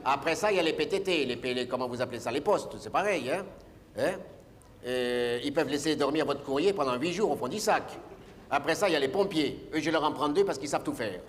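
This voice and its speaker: A man's voice: on the high side, lively intonation, fairly quick. An older man performing a comic stage monologue, rambling and grumbling, with constant asides to the audience. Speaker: comedian. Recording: live stage recording with long reverb and faint noise.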